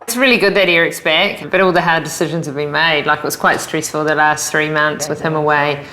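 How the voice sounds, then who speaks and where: Kiwi woman, really low voice, just chatting casually to camera. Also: steady tone, brisk, bright, forceful tone, a little hiss or hum, low-quality recording. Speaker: homeowner on a renovation show.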